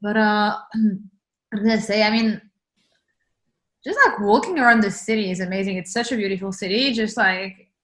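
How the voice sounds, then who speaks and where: With a medium pitch and moderate pace broken by long pauses, a French woman's somewhat bright voice comes through on a video call. As the interview guest, she chats casually, using lots of fillers such as "like" and "uh" and laughing easily.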